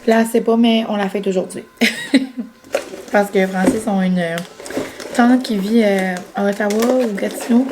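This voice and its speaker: A woman's voice: medium pitch, unhurried, long pauses, noisy background. A young woman chatting casually to her vlog audience, with many fillers and English words. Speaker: vlogger. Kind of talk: casual vlog chat to camera.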